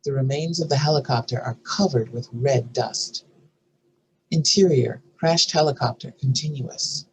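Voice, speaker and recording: Scene headings and stage directions from a screenplay are read in a scripted style by a narrator whose mid-range voice moves at a measured pace. Audio quality is low, and faint background noise and room ambience can be heard.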